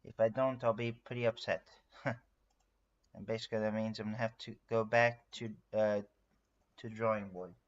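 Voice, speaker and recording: French man, native french speaker, livestream chat, rambling and filler-heavy, smooth voice, slightly dull audio. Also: on the low side, steady tone, moderate pace. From France. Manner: rambling and self-narrating, many fillers. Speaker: streamer. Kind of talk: casual live-stream chat while drawing.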